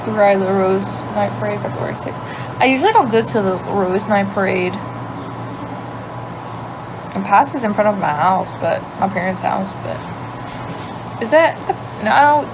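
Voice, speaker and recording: On a relaxed livestream, a young woman from Louisiana, her Cajun accent light, responds to viewer questions while thinking aloud and trailing into hushed asides. She has a mid-range voice, records with her phone, and there's noise in the background.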